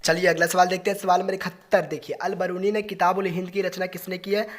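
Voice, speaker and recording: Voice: medium pitch, flat delivery, fast talker. An exam-prep teacher runs through revision questions one after another. Each answer is followed by a repeated "okay, next question".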